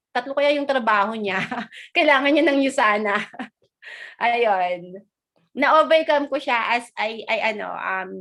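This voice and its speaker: A woman's voice: fairly high pitch, fairly bright tone. Chatty woman on a video call. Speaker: guest speaker. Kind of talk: casual Taglish sharing on a video call. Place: abroad, in Australia.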